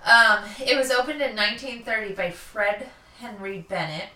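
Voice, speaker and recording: With a voice on the high side, sharp and moderately paced, a woman co-hosting a podcast spins casual, joking stories about local history. She's recorded at a distance in a room with noticeable echo.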